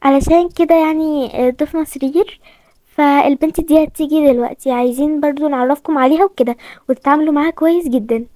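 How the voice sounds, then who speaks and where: A woman with an Egyptian accent voicing an adult orphanage supervisor who speaks slowly and instructively. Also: high-pitched, fairly even intonation, dark tone, no room sound, close to an everyday voice. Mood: instructing. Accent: Egyptian Arabic.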